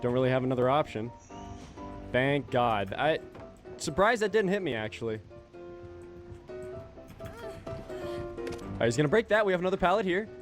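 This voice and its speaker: A man's voice: on the high side, very animated, fast, soft background music. A young man giving crude, self-mocking commentary over a video game while losing his voice. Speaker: gaming YouTuber. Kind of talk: casual gameplay commentary.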